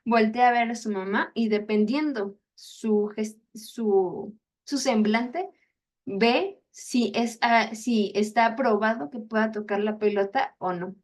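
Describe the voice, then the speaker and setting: Young woman chatting through a faith lesson, kinda high voice, does little inner-voice bits, laughs at herself. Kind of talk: casual teaching talk.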